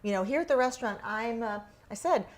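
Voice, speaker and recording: A woman's voice: on the high side, animated, fairly quick. A woman hosting a cooking show, chatting with a guest and gushing about the food in a restaurant kitchen. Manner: enthusiastic, gushing, with fillers. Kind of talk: casual chat.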